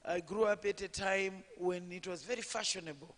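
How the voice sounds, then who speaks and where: A woman from Zimbabwe with a low voice that callers take for a man's, speaking as a politician on a panel. She talks in a measured way, pausing on fillers and restarting her sentences. A long reverb from the conference hall trails her voice. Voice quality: low voice often taken for a man's. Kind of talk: personal account on a conference panel.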